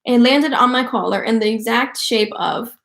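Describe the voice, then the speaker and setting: A woman voicing a scheming little boy from a storybook who talks in a hushed, dramatic, plotting way. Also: fairly high pitch, normal speed, gravelly. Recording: roomy echo.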